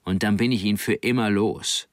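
A man's voice: fairly low pitch, steady tone, normal speed, no room sound, studio quality, natural voice. A man voicing a skeptical, bossy young girl who talks sharply. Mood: scolding.

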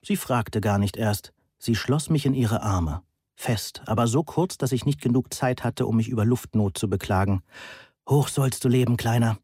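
A man reading a first-person story aloud in a measured, deadpan manner, close to the mic. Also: lowish voice, slightly rough, dry recording. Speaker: audiobook narrator. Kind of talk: first-person scripted narration.

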